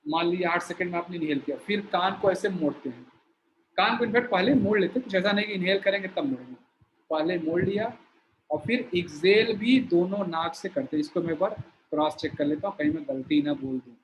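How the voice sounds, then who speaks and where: A man teaching a yoga breathing exercise, explaining slowly while he shows each step. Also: high voice, a little hiss or hum, poor audio. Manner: slow, explanatory, shows movements while talking.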